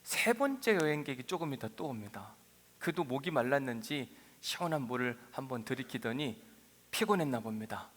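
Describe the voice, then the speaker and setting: A male pastor preaching a sermon in a church sanctuary as animated storytelling. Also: medium pitch, normal speed. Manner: animated storytelling, acting out quotes. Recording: reverberant church hall.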